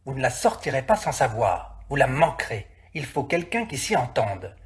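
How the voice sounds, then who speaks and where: A man's voice: medium pitch, big pitch swings, normal speed, slightly rough. A man voicing a frail old one-eyed shepherd in a storybook reading, talking eagerly and stammering.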